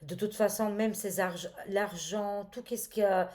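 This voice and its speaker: A woman's voice: medium pitch, unhurried, darkish tone. A woman reading tarot cards for her viewers in a casual, hesitant way, her talk full of fillers and friendly asides to the audience. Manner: hesitant, filled with frequent euh and hein, addresses viewers as les amis. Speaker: tarot reader.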